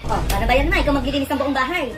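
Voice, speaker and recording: Woman playing a whiny kid, high and quick, backtalking his mom, music under it. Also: lightly acted. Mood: cheeky. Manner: whiny, pleading, cheeky. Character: whiny cheeky young boy talking back to his mom. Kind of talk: comedy skit acting.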